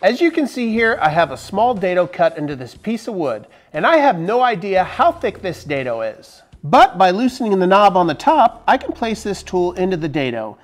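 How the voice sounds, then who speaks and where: A man's voice: high voice, sing-song, normal speed, hardly any pauses. Upbeat man hosting a woodshop tool review. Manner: upbeat, jokey, explanatory. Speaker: woodworking channel host. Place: large barn workshop. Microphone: lapel.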